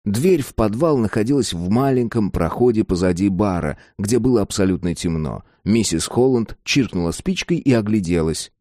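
Man narrating a story, lively voice. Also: on the low side, moderate pace, hardly any pauses, dry recording, studio quality. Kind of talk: scripted narration.

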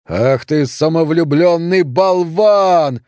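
Роль: разъярённый старый отец-фермер, лающий и презрительный, озвучивает мужчина; голос мягкий, запись сухая. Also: male voice, a little high, a little slow, a little mellow, no echo, clean studio sound, natural voice. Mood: furious. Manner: barking, scornful. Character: furious old male farmer father, gruff.

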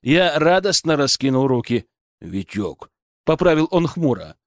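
A man's voice: fairly high pitch, moderate pace, no echo, clean studio sound. A man narrating a first-person story as an audiobook, with an ironic, storytelling manner.

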